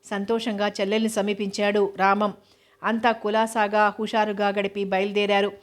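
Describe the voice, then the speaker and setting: A woman narrates a novel aloud in a flat, level voice. Her pitch sits at the middle of the range and hardly moves. She reads with a steady, even storyteller's pace. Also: normal speed. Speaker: audiobook narrator.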